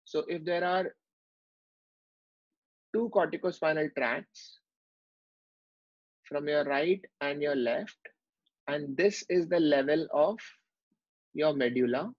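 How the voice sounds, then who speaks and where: During an online class recording, a man teaches a medical lecture over a hand-drawn whiteboard, explaining step by step with lots of fillers and restarts. His pitch is fairly high and he talks slowly with long pauses, and the audio sounds dull, lo-fi, and dry.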